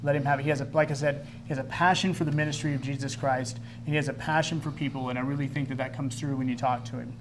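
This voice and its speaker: A man's voice: medium pitch, fairly even intonation, quick pace, hardly any pauses, noisy background. A man hosting a live ministry talk show in a chatty, easygoing way, joking with his crew. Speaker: host.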